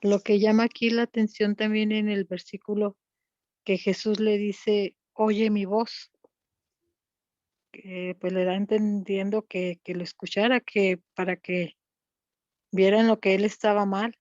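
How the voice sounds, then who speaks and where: A woman in a study group making a hesitant, halting comment during the discussion. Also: mid-range voice, flat delivery, a little mellow, no echo, lo-fi sound.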